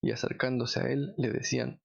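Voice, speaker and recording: A man reading scripture aloud in a measured, solemn way. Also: medium pitch, level tone, gravelly, highs cut off. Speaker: Bible reader.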